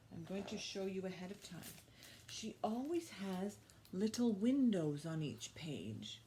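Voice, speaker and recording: Her voice is mid-range with a darkish tone, and there's slight hiss or hum in the audio. Leading a children's storytime, she talks to the little ones in short phrases and easy questions before reading a picture book aloud with plenty of expression.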